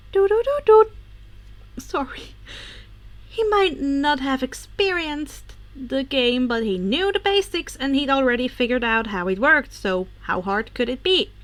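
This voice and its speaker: High-voiced woman reading fanfiction aloud. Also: fairly bright tone. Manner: casual, occasionally corrects misreads. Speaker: podfic reader.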